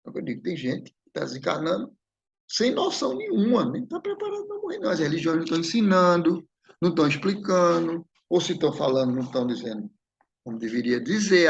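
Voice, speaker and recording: A man's voice: fairly high pitch, vocal fry, highs cut off, slight background noise. A man giving a spiritist lecture, telling a personal story in a conversational way and often checking in with the audience. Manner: conversational, repeats "né?" and addresses the audience.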